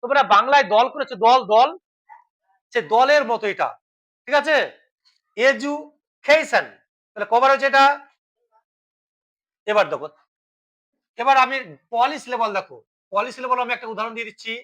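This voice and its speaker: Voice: medium pitch, brisk, pauses often, fairly bright tone, low-quality recording. A teacher giving a classroom grammar lesson, asking questions and then answering them, and spelling words letter by letter.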